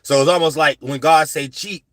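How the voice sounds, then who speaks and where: A man rambles through a spiritual lecture to his viewers in a slangy, preachy way. His voice sits a little on the high side. The sound is close and dry, with no room around it. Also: steady tone, moderate pace, fairly bright tone, no room sound. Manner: rambling, preachy, repeats "you know what I'm saying"; slangy conversational delivery. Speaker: spiritual astrology channel host.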